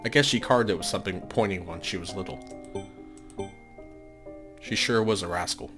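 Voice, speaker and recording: Over loud game music, a man with a deep voice plays through a game at a moderate pace. He shifts from casual, offhand remarks to narrating the on-screen text as a story, reading it aloud.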